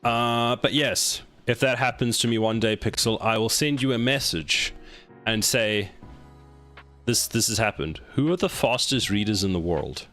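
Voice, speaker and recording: A man with a fairly low voice talks casually on a live stream as he builds a game, coaxing and scolding his code like a misbehaving pet. His delivery is loose and playful. Soft music runs quietly behind him. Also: a little slow. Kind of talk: casual live-stream chat while coding.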